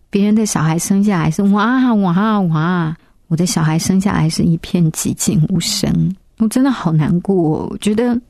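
A woman, recounting a personal story in a soft, reflective way. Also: on the low side, dry recording, clean studio sound. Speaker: interview guest. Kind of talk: personal testimony.

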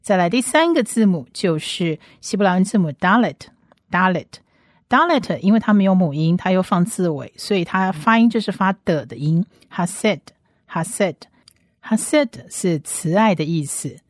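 A woman teaching a slow, step-by-step language lesson, patiently repeating each sound several times. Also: fairly low pitch, animated, no room sound. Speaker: Hebrew teacher.

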